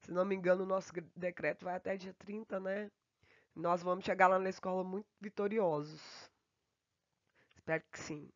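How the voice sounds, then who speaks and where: Woman teaching slow English examples. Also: fairly low pitch, fairly even intonation, dry recording. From Brazil. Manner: slow, drawn-out English examples between quick asides. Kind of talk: remote lesson explaining grammar. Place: at home. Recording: dull, dry home recording.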